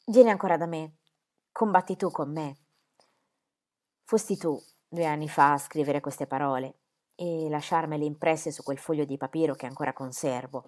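Firm steady young flute player gal, woman reading her, lowish voice, audiobook. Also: moderate pace, lightly acted. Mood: earnest.

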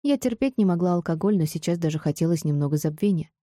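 A woman reads a first-person novel aloud with steady storytelling. Her voice is low and very mellow. The recording is dry and close, with no room sound. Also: quick pace, no room sound. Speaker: audiobook reader. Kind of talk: first-person audiobook narration.

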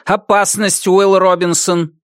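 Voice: medium pitch, little pitch movement, slow, no echo, studio quality, voice pushed up, lightly acted. A narrator voicing a clanking metallic robot from an old TV show that blares stiff, repeated warnings. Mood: alarmed. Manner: clipped alarmed repeated warnings. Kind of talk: audiobook narration.

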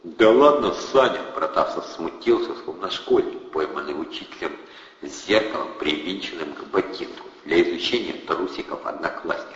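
A man reading a novel aloud as narrator in steady storytelling. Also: extremely low pitch, moderate pace, roomy sound, big-room sound, lo-fi sound. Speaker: audiobook narrator. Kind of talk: scripted narration.

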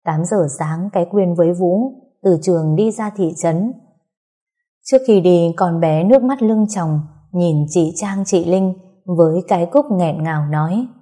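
A woman narrating a first-person story in a calm storytelling manner. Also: on the low side, slightly rough.

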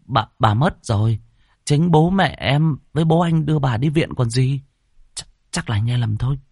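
A man's voice: mid-range voice, animated, moderate pace, a little mellow, slightly rough, no room sound, studio quality, voice pushed up. A man doing a hesitant uneasy young boy. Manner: hesitant, stammering.

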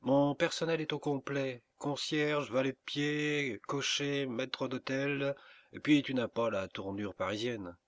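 Un homme qui prête sa voix à une jeune courtisane parisienne hautaine et moqueuse, dans un livre audio. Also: male voice, mid-range voice, fairly even intonation, a little slow, dry recording, lightly acted. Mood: mocking. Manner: mocking, disdainful. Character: haughty young Parisian courtesan, mocking woman.

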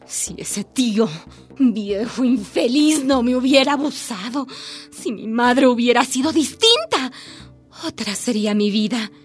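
Radio drama lead: a lonely middle-aged housewife drifting into drink, confessional and weepy, slow delivery, high-ish woman's voice. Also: expressive, slightly rough, soft background music. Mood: weary. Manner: confessional, tearful, self-pitying. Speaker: housewife protagonist narrating her life. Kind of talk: radio drama monologue and dialogue.

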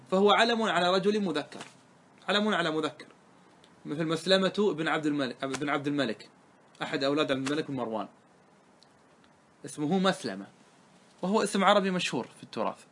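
A man teaching a grammar lesson. He explains a classical poem line by line, asks his listeners questions and answers them himself, and slows down to quote the verses. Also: a little high, lively intonation, a bit bright.

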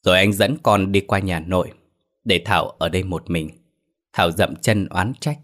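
A man narrating a village story in a steady, measured way. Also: sits low.

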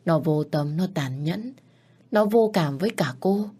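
A woman's voice: low voice, lively intonation, a little slow, warm tone, breathy edge, heavily acted. Woman voicing a weary, regretful older mother. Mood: grave.

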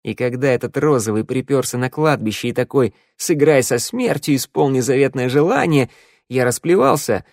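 A man voicing a pale young man speaking quietly and casually, confiding his past. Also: medium pitch, lively intonation, normal speed, no echo, studio quality, close to an everyday voice. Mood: confessional.

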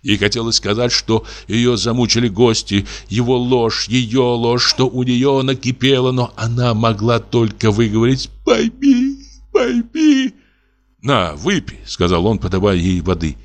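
A man narrating a classic story as an audiobook, in a measured and expressive reading. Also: medium pitch.

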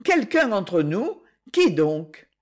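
A woman voicing a proud young woman who refuses a suitor with gentle firmness. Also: mid-range voice, sing-song, drawn-out words, full character voice. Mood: surprised, troubled. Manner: gentle but firm, reproachful.

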